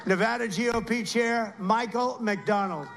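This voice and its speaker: A man's voice: high-pitched, measured pace, gravelly, a bit bright, a little hiss or hum. A man giving a rambling rally speech, heaping repeated praise on people in the crowd. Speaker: political speaker at a rally.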